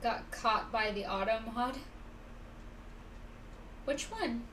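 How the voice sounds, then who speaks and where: A woman with a slow, somewhat high and a bit bright voice chats casually while hosting a live game stream. The mic is distant, and there's faint background noise.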